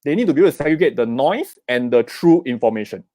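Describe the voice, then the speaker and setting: A middle-aged Singaporean-accented man delivers an investment talk at a live online summit, speaking fast in a medium-pitched, dark voice with lively intonation and no echo. He keeps tossing in "okay?" and "right?" and presses viewers to type in the comments.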